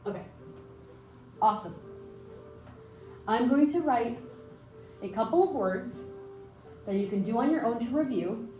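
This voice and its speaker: Expressive and fairly high-pitched with a dark tone, a young woman from Mexico in her 20s teaches a casual spoken language lesson at a measured pace, pausing often. She is chatty and encouraging, using fillers and asides, while faint music plays amid a roomy echo.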